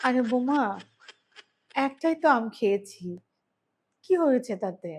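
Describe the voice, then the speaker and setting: Comic skit: woman as a defensive, sneaky mother-in-law with a high voice, all excuses. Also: animated, measured pace, slight background noise. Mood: sheepish. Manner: evasive, sheepish excuses.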